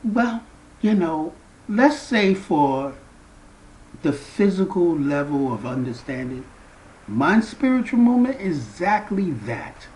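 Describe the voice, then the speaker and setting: A man speaks as the founder of a spiritual movement, addressing his viewers directly. His delivery is slow and deliberate, and his pitch swings widely as he leans hard into key words. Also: big pitch swings, poor audio. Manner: slow, emphatic preaching with big swings in pitch and loudness.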